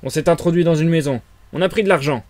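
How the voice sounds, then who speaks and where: Man voicing a loud dogged village constable. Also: fairly high pitch, fast talker, no echo, pitched above the performer's own voice, lightly acted. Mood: firm. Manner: loud, insistent. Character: stubborn village police constable, dutiful. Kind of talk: audiobook character reading.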